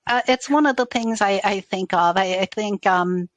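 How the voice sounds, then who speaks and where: A middle-aged woman from Dublin, Ireland, speaks in a mid-range voice at a moderate pace, with no echo and a faded Irish accent. A university IT executive appearing as an interview guest, she answers conversationally and often rephrases as she goes.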